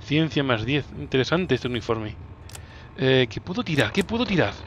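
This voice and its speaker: A man from Spain, commentating a video game casually, teasing the enemy and breaking into excited shouts. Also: medium pitch, normal speed, highs cut off, slight background noise. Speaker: gameplay commentator. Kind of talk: casual let's-play commentary.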